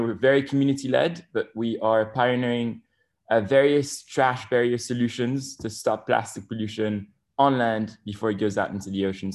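Young guy on a podcast, excited, um-ing and restarting a lot, middle-pitched. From Bali, Indonesia. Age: 20s. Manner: enthusiastic, many fillers and restarts. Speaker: guest. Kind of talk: podcast interview.

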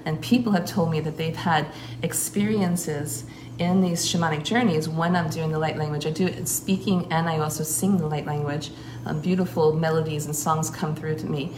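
Speaking as a shamanic priestess, a low-voiced woman gives a long, earnest, casual account. Her speech flows but keeps breaking into filler pauses. The room sounds spacious, and a steady noise is plainly audible behind her.

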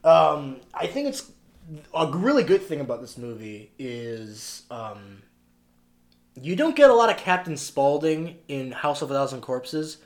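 Man, higher-pitched voice, casual podcast co-host, lots of ums and restarts, lively quoting. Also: measured pace. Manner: chatty, animated when quoting lines, frequent fillers. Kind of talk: casual film discussion.

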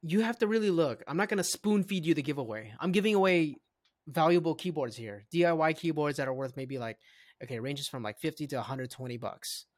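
A young adult man co-hosting a casual podcast, talking in an animated, rambling way with frequent restarts. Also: fairly high pitch, fairly quick. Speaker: podcast co-host. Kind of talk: casual chat.

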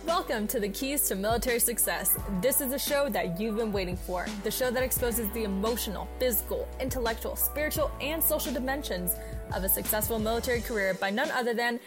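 A woman's voice: fairly high pitch, a little fast. A woman announcer reading a scripted show intro in a punchy, rousing, promotional hype style. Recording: voice over music bed. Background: music.

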